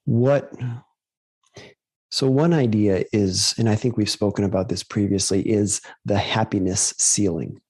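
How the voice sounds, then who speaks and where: A man's voice: fairly low pitch, unhurried, darkish tone, husky, no echo. A man guiding a meditation series, talking casually and rambling with many fillers and restarts. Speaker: meditation guide. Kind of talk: casual spoken reflection.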